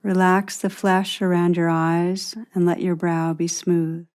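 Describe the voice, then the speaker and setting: A woman leads a guided meditation in a slightly low, soft-edged, mellow voice. She talks very slowly and soothingly, like a teacher, with long pauses between phrases. Her pitch barely moves, and her tone is clear and resonant.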